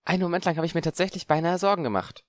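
A man voicing a clever, excitable young boy wizard in an audiobook, brash and theatrical. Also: on the high side, racing, no echo, pitched above the performer's own voice, lightly acted. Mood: cheeky. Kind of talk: audiobook character voice.

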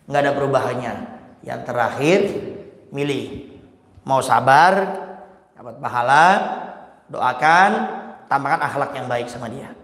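Animated male preacher in an echoing hall. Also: mid-range voice. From West Java, Indonesia. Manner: animated and jokey, acting out little dialogues. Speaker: preacher leading a religious study circle. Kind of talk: lively sermon. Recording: roomy hall with long reverb.

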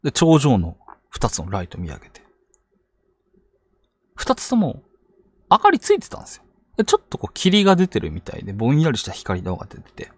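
A man narrating ghost stories on a live stream, dramatic, with hushed lows and sudden outbursts. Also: huge pitch swings, brisk, pauses often, breathy edge. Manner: dramatic telling, hushed low asides rising to sudden outbursts. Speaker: ghost story teller.

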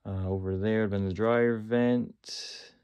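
A man's voice: on the low side, takes it slowly, smooth. A real estate agent, a man, giving a casual walk-through of an old stone basement, talking plainly with fillers as he goes, recorded on a handheld phone. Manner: relaxed, plain-spoken, thinking aloud with fillers. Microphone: phone camera held by the speaker, moving.

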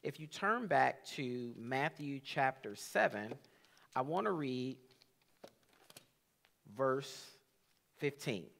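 A young man, a church pastor, teaching a sermon in a church sanctuary on a headset mic. He reads scripture slowly and says amen often. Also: mid-range voice, expressive, vocal fry, fairly bright tone. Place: church sanctuary, drum kit behind.

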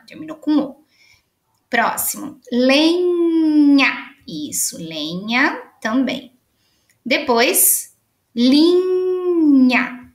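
Woman, Brazilian accent, teacher, slow patient delivery, stretched-out words, roomy echo. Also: fairly high pitch, a bit bright. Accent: Brazilian Portuguese. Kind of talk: online literacy lesson for young children.

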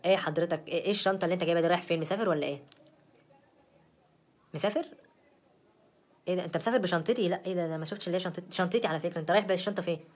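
A woman's voice: on the low side, very fast, pauses often, natural voice. A young woman with an Egyptian accent playing a brazen, spoiled young wife in a comedy sketch, rambling and stammering in a sassy way. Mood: indignant. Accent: Egyptian Arabic.

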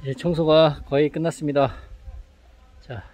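A vlogger in his thirties holds his phone at arm's length in an overgrown yard, chatting upbeatly straight to the camera in a casual vlog. His voice is a little high, with fairly even intonation at normal speed, and loud music plays behind him.

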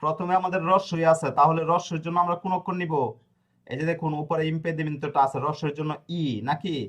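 A man teaching a pronunciation lesson, his voice sitting a little high. He breaks each word into syllables and spells them out slowly, then stops to ask the viewer a question before he goes on. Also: little pitch movement, a bit bright. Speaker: language teacher.

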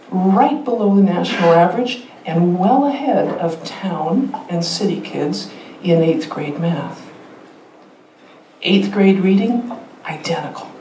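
A woman speaks from a theater stage, lively and emphatic. She asks the crowd rhetorical questions and slips in light laughter. Her voice sounds far from the mic and rings around a large roomy hall, with a faint hum underneath. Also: mid-range voice. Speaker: teacher educator giving a public talk. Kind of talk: staged public talk with slides.

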